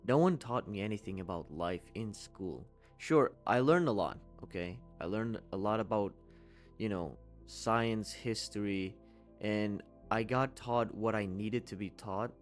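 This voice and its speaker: A man's voice: fairly low pitch, a little slow. Man in his 20s, casual commentary voice-over, candid, swears, music playing behind. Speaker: YouTube commentator.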